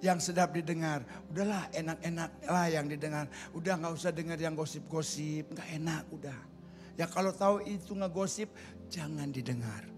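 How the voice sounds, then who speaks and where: A male pastor preaching a lively, joking sermon in a church, acting out stories with sudden shouts. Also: on the high side, normal speed, over music. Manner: animated, jokey storytelling with sudden shouts and voices. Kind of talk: lively sermon with acted-out anecdotes. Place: church sanctuary.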